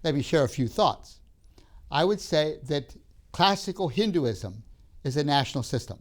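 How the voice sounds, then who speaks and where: With a fairly high pitch and lively intonation, an older man who grew up in Tanzania lectures at a seminary in a recording. He weighs his words with emphasis, stopping to pause, say "uh" or begin again.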